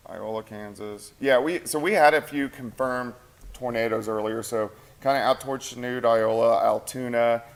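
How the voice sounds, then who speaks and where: A meteorologist covers the weather live late at night from a TV station weather center, speaking into a shared mic. His voice is mid-range with a steady tone and moderate pace. Tired and hungry, he talks casually and thinks aloud while reading viewer comments.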